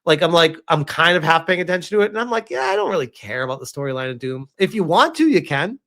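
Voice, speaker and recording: Fast and animated, the man speaks in a somewhat bright voice on the high side. On his stream he works through a game review, reacting and chatting with viewers in a sarcastic, exasperated way, chuckling and swearing readily.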